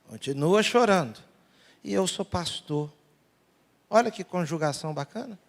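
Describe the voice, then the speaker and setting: A man's voice: fairly high pitch, a little mellow. A male pastor preaching a sermon in a church, telling humorous family stories and acting out the dialogue. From Brazil. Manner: storytelling, humorous, acts out dialogue. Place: large church sanctuary. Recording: long church hall reverb.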